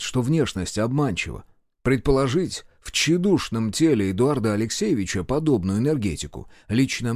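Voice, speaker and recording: A man narrating an audiobook in an expressive storytelling manner, close to the mic. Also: medium pitch, no room sound. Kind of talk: scripted narration.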